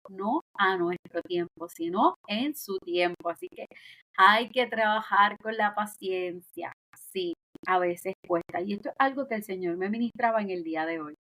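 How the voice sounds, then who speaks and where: A woman's voice: fairly high pitch, fairly bright tone. Earnest woman preaching on a podcast. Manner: earnest, exhorting, slows down to stress points. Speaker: podcast host. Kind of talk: devotional preaching.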